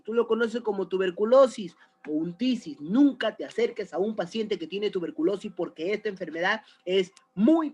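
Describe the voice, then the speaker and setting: A man's voice: high-pitched, a little mellow, slightly rough. A man teaching a recorded biology lesson, chatty and often checking in with the student. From Peru.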